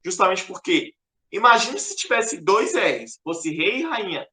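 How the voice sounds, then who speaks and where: Brief: man, chess teacher, crisp bright tone, echoey room, patient and repetitive. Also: high voice, very animated, a little slow. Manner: patient, repetitive, keeps pointing things out. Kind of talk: explaining a lesson over a board.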